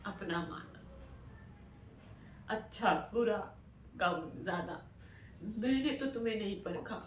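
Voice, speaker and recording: A woman auditioning as a heartbroken, rejected young woman, speaking in a pleading, halting, emotional way. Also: fairly high pitch, a little hiss or hum. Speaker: actor auditioning. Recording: roomy, far from mic, faint ambience.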